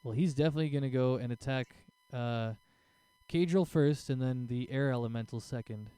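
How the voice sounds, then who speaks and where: A man's voice: medium pitch, brisk, warm tone, smooth, no room sound. A man acting as game master, casually narrating a tabletop role-playing game.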